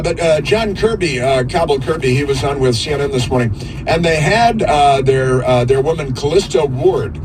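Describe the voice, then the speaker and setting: A man hosting conservative political talk radio, delivering a halting, rambling monologue in a sarcastic, mocking manner. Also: a little high, background noise. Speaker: radio talk show host.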